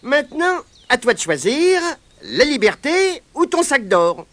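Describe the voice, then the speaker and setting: A woman's voice: high-pitched, very animated, unhurried, fairly bright tone, no echo, voice pushed up, heavily acted. A woman voicing a cocky, stubborn young Irish boy who taunts and orders about in a raised voice. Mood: eager. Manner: bossy and taunting, raises his voice.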